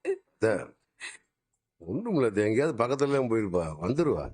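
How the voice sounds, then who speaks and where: A man's voice: medium pitch, sing-song, normal speed, darkish tone, breathy edge. An actor playing a middle-aged father in a TV serial, firm and reassuring toward his worried family.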